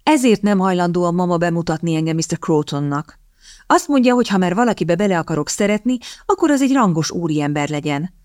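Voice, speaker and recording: A woman voicing a timid young lady with a high, girlish voice who stammers and hesitates. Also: lively intonation, darkish tone, no echo, clean studio sound, lightly acted. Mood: bashful.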